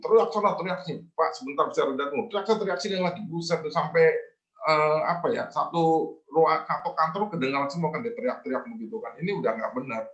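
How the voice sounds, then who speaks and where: A man's voice: a little high, a bit bright, reverberant. A man, a debt collection manager, tells a work story in a webinar with many fillers and repetitions. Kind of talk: guest speaker telling a work story in a webinar. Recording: muffled video call audio.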